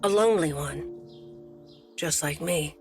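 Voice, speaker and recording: An actress playing a haunted older narrator who recalls a buried past in a solemn video game monologue. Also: female voice, low voice, music in the background. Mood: solemn, wistful. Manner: solemn, measured.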